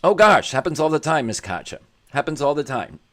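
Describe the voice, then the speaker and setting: A man hosting a commentary show, with a voice pitched a little high for a man. He talks in an emphatic, preachy way and hammers each point home by repeating it. He is blunt, and he is just as blunt about himself. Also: big pitch swings, brisk, fairly bright tone. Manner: blunt and self-deprecating. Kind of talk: opinionated commentary monologue.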